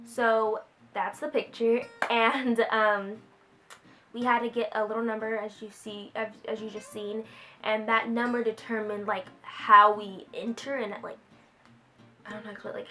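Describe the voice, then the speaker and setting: A teenage girl vlogs in a high, bright voice and tells her story in a giggly, excitable rush, full of fillers and restarts. Faint music plays under her voice. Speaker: vlogger. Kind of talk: casual storytelling vlog.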